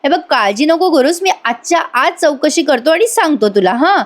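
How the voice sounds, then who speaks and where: A woman's voice: high-pitched, animated, moderate pace, pitched above the performer's own voice. A woman voicing a patient older father who reassures his daughter. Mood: soothing. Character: father Prataprao, older man, soothing.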